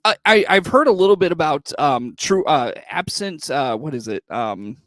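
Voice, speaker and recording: A man's voice: on the high side, big pitch swings, normal speed, fairly bright tone, no echo. An American man hosting a radio morning show in a folksy, conversational interviewing style.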